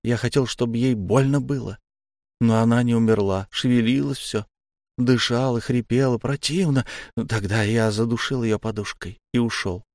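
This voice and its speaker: A man's voice: medium pitch, steady tone, moderate pace, darkish tone, no echo, natural voice. A man doing a mumbling frightened male mental patient. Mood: flat confessing. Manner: mumbling, swallowing syllables. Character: anxious male psychiatric patient, fearful and muttering.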